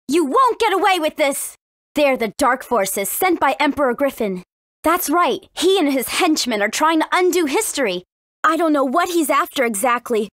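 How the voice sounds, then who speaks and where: A woman with an American accent voices a spirited, earnest teenage warrior princess in an English-language video game, delivering her lines expressively and emphatically. Her voice sits high, and the dry, studio-quality recording carries an indignant, serious mood.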